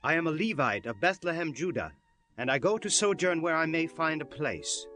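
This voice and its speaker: An actor playing forthright men of ancient Canaan in a dramatized scripture reading. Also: male voice, a little high, lively intonation, moderate pace, bright, forceful tone, faint music behind. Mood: plain, earnest.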